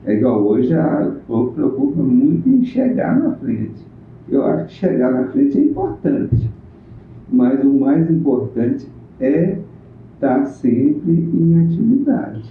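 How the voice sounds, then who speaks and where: Reminiscing man, lively pitch. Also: a little hiss or hum. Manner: reminiscing, unhurried, plainspoken. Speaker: interviewee recalling local history. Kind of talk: casual interview chat. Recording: echoey room on a tinny phone-like line.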